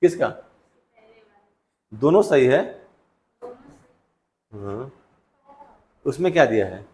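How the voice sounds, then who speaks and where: A man's voice: medium pitch, lively intonation, slow pace, warm tone, a little hiss or hum. A male teacher going through test answers with students in a classroom, conversational and full of questions to them. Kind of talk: classroom test solution lecture.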